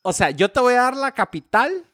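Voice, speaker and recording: A man's voice: extremely high pitch, moderate pace. A man running a playful quiz game on a podcast. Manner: playful, lively quiz asking.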